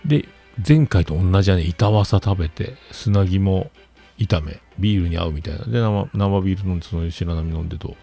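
A man's voice: deep voice, brisk, vocal fry, dark tone, soft background music. A man telling a rambling story in casual chat, with many fillers and asides.

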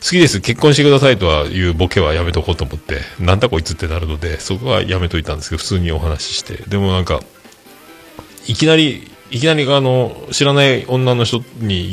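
A man with a who hosts a podcast, telling a story casually and acting out the dialogue with lively energy. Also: deep voice. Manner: animated, acts out quoted dialogue. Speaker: podcast host.

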